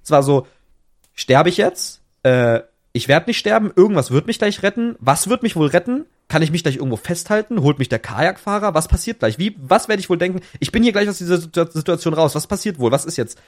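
Young male podcast co-host, slang-heavy storyteller, slightly high voice, lots of self-corrections. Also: expressive, brisk. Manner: slangy, restless retelling with many restarts. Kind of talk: casual chat, storytelling.

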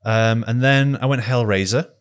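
A man's voice: medium pitch, moderate pace, smooth. A man co-hosting a film podcast, chatting casually and laughing as he recaps horror films. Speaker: podcast co-host.

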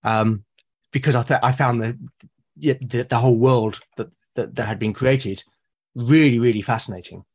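Here a man from the United Kingdom, an artist and podcaster, is a guest in a casual chat. His mid-range voice keeps a steady tone at a moderate pace, with a little hiss or hum audible, and his hesitant delivery often repeats words at the start of sentences.

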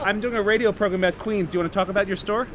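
A man's voice: high-pitched, steady tone, quick pace, crowd noise. A man with an American accent, presenting and reporting for radio. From United States. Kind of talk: scripted radio narration and street interviewing. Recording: clear city street noise behind. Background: street and traffic noise.

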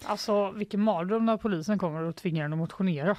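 A woman's voice: medium pitch, dark tone, no echo. A woman hosting a casual news podcast, relaying stories with wry, dry quips.

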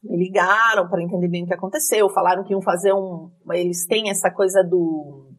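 Heard from a distance with faint music in the background, a woman with a fairly low, fairly quick voice recounts a dramatic rideshare driving story in casual conversation. Her telling is lively and theatrical, full of quoted dialogue.

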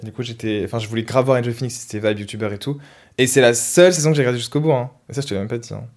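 A man's voice: medium pitch, rapid-fire, a little mellow. A man hosting a podcast interview, chatty and slangy in a loose, casual way. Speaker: podcast host.

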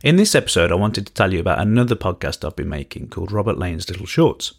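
Reading his own story on his podcast, this thirtysomething from Birmingham, England, keeps his humor dry and understated. His voice sits low, creaky and husky, yet very animated and quick.

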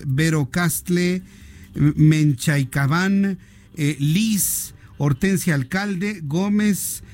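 A man's voice: on the high side, a little mellow. A Mexican man hosting a radio show in casual, joking chat and reading out listener greetings. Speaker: radio host.

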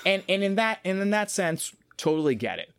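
A man hosting a casual podcast chat, talking in an animated way and often repeating words as he gathers his thoughts. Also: sits high, a little fast, clean tone, no echo, clean studio sound.

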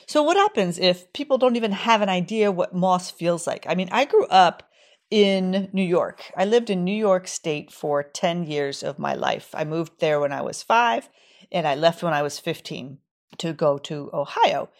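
Candid storytelling woman, slightly low voice. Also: expressive, normal speed. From Sweden. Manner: candid, storytelling, acts out her own quotes. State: morning throat, sipping coffee. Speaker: podcast host. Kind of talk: solo podcast monologue.

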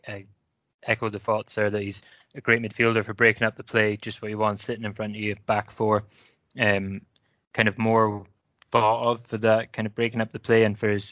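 Low, flat-toned man, muffled dry audio. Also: dry recording. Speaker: regular podcast panellist. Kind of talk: casual football opinion. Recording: dull lo-fi audio.

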